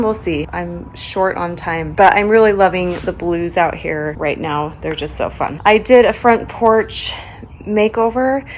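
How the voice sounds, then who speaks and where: A home and garden vlogger gives a casual walk-through of her front yard garden outdoors, sounding sleepy as she recovers from a cold. Her voice is medium in pitch, with slight background noise. She's chatty, laughs a lot, and often trails off mid-sentence.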